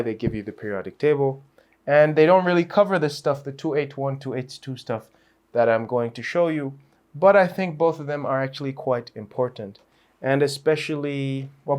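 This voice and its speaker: A man's voice: medium pitch, darkish tone. A man teaching a chemistry revision lesson in a playful, chatty way, with asides and small laughs.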